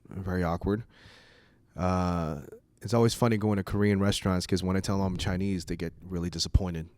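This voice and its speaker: A stand-up comedian from the United States, whose first language is Cantonese, delivers a casual, rambling, profane monologue. His voice is lowish and smooth, and the recording is dry.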